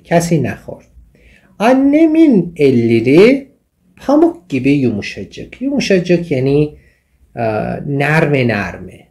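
A Persian-speaking man teaches Turkish in a recorded lesson, with a mellow, dark tone. His pitch rises and falls a lot. He reads example sentences slowly before explaining them.

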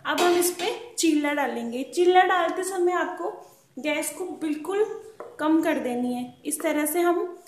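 High-voiced woman teaching a cooking recipe. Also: measured pace. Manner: calm, patient instructional talk, repeats tips. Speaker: cooking channel host. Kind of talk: step-by-step cooking demonstration. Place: home kitchen at a gas stove. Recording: roomy kitchen echo with pan sounds.

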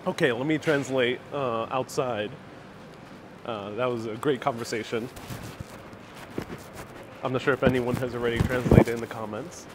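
A man's voice: medium pitch, fairly even intonation, a little slow, long pauses, background noise. A man in his thirties from Puerto Rico, chatting and explaining as he walks outdoors, recorded on a phone held at arm's length. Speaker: travel vlogger live-streaming. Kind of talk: casual live-stream narration. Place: outdoors on a city street beside a market.

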